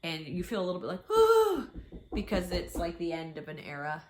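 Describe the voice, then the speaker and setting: Low-voiced woman, emotional and candid. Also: wildly swooping pitch, noisy background. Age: middle-aged. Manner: emotional, halting, candid about her feelings. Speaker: mother and family vlogger. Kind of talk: casual, heartfelt vlog chat.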